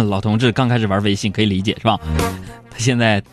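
A young man, hosting a live stream show and telling joking, animated stories about his family. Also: fairly low pitch, fast talker, music in the background. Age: young adult. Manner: joking, animated storyteller who acts out arguments. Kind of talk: comic storytelling monologue. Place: broadcast studio.

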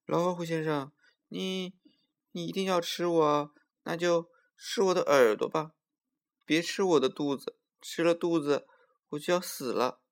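A man voicing a clever, brave little squirrel in a storybook tale, with a high squeaky voice. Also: unhurried. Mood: pleading. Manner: squeaky, pleading then bold.

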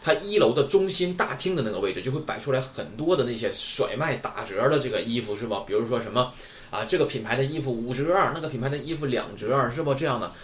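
Lively-voiced man teaching vocabulary. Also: medium pitch, fast talker. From Northeast China. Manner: explains patiently, keeps asking rhetorical questions. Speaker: Japanese teacher. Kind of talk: recorded vocabulary lesson.

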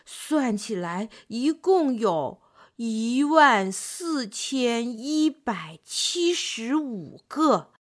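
A woman voicing a slow, easygoing male snail in a children's storybook, drawling every word. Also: sits high, sing-song, voice pushed up, exaggerated voice. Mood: matter-of-fact. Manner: drawls slowly.

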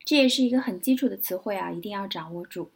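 A woman teaching English vocabulary in a lesson, spelling words out letter by letter and repeating example sentences slowly. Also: medium pitch, vocal fry, husky.

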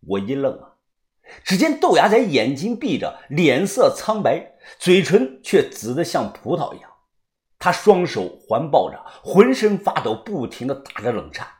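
Animated male audiobook narrator, dramatic delivery. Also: a little high. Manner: lively, dramatic storytelling. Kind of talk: serialized storytelling.

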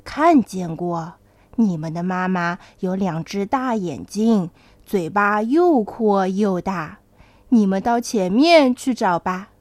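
A woman voicing a kindly mother duck in a children's story, speaking slowly in a lowered voice. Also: animated, a little mellow, no room sound.

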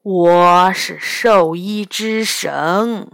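A woman's voice: mid-range voice, very animated, a bit bright, no echo, clean studio sound, full character voice. A woman voicing a proud, money-hungry old man who is a god of animal healing, in a children's storybook. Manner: slow, proud and drawn out.

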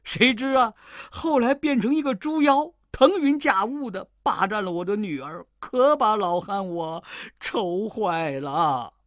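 A storyteller voicing a worried old village squire who slowly laments his troubles in a children's story. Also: mid-range voice, a bit bright, dry recording, studio quality, lightly acted. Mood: lamenting. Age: older. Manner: slow, lamenting.

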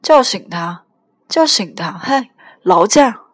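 A woman voicing a drunk teenage boy on the phone, slurred, loud and pleading. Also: mid-range voice, slow pace, no echo, studio quality.

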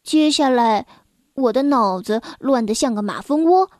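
A woman storyteller reading a children's story aloud in a gentle, expressive way. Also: a little high, unhurried, dry recording, clean studio sound.

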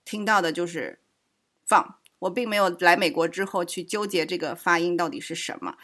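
A woman's voice: lowish voice, a little fast, fairly bright tone. Female co-host from China, easygoing podcast banter, teasing and light. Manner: playful, laughs easily. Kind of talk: casual chat.

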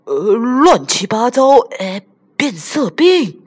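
A woman voicing a big male lion who speaks hesitantly and slowly. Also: fairly high pitch, sing-song, husky, pitched above the performer's own voice, full character voice. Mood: wary. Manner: hesitant, drawn-out. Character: big roaring lion, male, grand then scared.

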